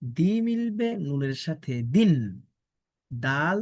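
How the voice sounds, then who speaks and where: A man teaching Quran reading and tajweed, drilling Arabic letters syllable by syllable with slow, drawn-out pronunciation. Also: on the high side, expressive. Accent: Bangladeshi Bengali. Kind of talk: slow recitation lesson.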